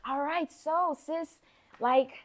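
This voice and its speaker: A woman's voice: high-pitched, takes it slowly. A woman hosting a talk show, upbeat and playful, with lots of slang. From Chicago, USA. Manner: lively, hype, playful slang.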